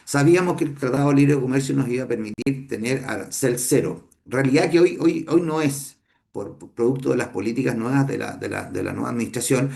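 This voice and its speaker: This is a business owner lecturing students: a middle-aged man whose native language is Spanish and who has a Chilean accent. His voice is gravelly, a little mellow, and medium-pitched for a man. Unhurried, he works through ideas aloud, full of fillers and restarts as he rephrases.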